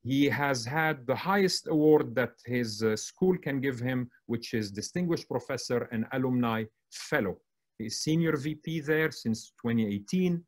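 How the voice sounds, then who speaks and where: A man's voice: medium pitch, normal speed. Lebanese-born man introducing surgical panelists. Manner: warm, admiring, with frequent fillers and restarts. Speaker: moderator introducing panelists and speakers. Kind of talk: formal introductions at an online conference.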